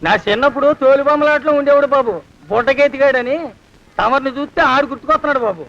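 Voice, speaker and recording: A man's voice: extremely high pitch, quick pace. An actor playing a cheeky, teasing village servant who keeps deferring to his master in a film comedy. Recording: dull film audio.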